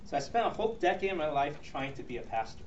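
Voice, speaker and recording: Middle-aged Taiwan-born man, earnest ministry speaker, halting delivery; roomy, distant, muffled recording. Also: fairly high pitch, big pitch swings. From Taiwan, raised in the U.S. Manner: earnest, with frequent ums and restarts. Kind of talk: presentation to a church audience. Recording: roomy, distant, dull recording with faint noise.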